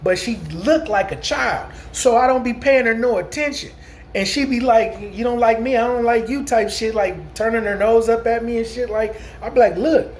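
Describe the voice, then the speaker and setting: A man's voice: very high-pitched, normal speed, a little hiss or hum. A man in his late forties telling a long, rambling story in a casual vlog, restarting sentences and asking his listeners whether they follow. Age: 40s. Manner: rambling, repeats "you know what I'm saying", frequent restarts. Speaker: vlogger.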